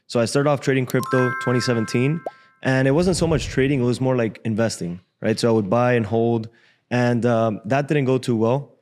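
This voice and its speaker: A man in his twenties, born in Cuba and raised in Miami, tells his own story as a podcast guest. He talks in a relaxed, frank way with casual slang. He is recorded close on a studio boom mic. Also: fairly quick, faint music behind. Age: 20s. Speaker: guest trader. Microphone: desk boom mic.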